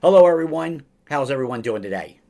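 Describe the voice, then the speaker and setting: A man hosting a podcast interview over a video call, speaking slowly and emphatically, with lots of encouraging praise. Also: medium pitch, expressive, darkish tone. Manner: slow, emphatic, upbeat delivery with drawn-out phrases; repeats praise like a mentor. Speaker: podcast host.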